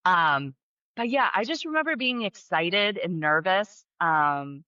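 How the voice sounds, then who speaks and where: In a casual podcast interview, a special education teacher speaks in an unhurried, smooth voice on the low side, with no room sound. She's chatty, often restarting sentences and using fillers, and gets excited in bursts; the recording itself is muffled and dull.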